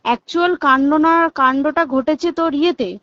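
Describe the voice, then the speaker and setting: On a recorded phone call, a young woman from a hospital's staff relates events in a relaxed way, her West Bengal accent clear over a dry recording. Her voice sits high with a fairly bright tone and a moderate pace, and she explains emphatically while confirming the listener understands.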